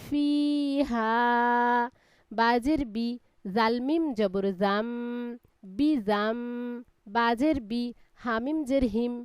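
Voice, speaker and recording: A woman's voice: on the high side, takes it slowly, pauses often, clean tone, dry recording, studio quality. A woman teaching a live Quran reading class, spelling out letters one by one and patiently explaining the reading rules.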